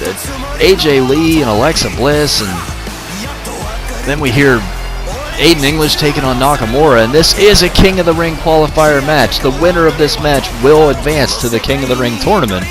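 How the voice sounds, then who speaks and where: A man doing excitable, mock-broadcast wrestling play-by-play over a video game, shouting at the big moments and talking to the viewers as folks. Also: mid-range voice, moderate pace, music in the background. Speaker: gaming video creator.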